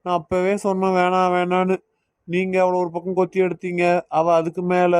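A man's voice: high voice, monotone, a little fast, a little mellow, clear, resonant tone, dry recording, clean studio sound, close to an everyday voice. A man voicing an anxious, fearful young husband in a cartoon, worried and pleading, with a Kanyakumari Tamil accent.

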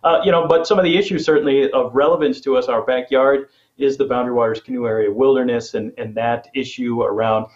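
A man's voice: medium pitch, fairly even intonation, fast talker, a little mellow. A man in his thirties, a radio news editor, explaining conversationally from a small studio over a video call. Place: home office studio. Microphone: studio mic on boom. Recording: slightly dull call audio.

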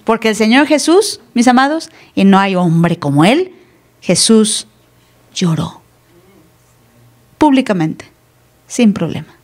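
A woman's voice: mid-range voice, animated, takes it slowly, long pauses, darkish tone. A woman pastor giving a live sermon in a conversational way, acting out quoted dialogue and asking the congregation questions. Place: church. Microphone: live stream.

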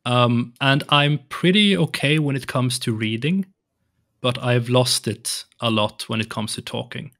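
In a home room lit with colored lights and lined with shelves, a young Swede, Swedish his first language, chats in English as a podcast guest through headphones and a large studio mic on an arm. His medium-pitched voice is measured and a bit bright, though he's hesitant with frequent restarts in this casual interview.

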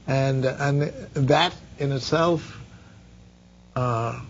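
An older man from the Bahamas interviewing a guest in a TV studio, halting, with many repeated words and fillers. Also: mid-range voice, highs cut off, a little hiss or hum. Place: dark TV studio. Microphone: lapel mic.

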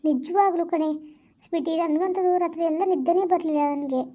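A hurt, jealous young woman, played by an actress, scolding in quick, high bursts. Her tone is reproachful and stubborn. The sound is dull and lo-fi, as in a homemade village skit. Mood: brooding. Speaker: amateur skit actor. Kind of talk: village vlog skit acting.

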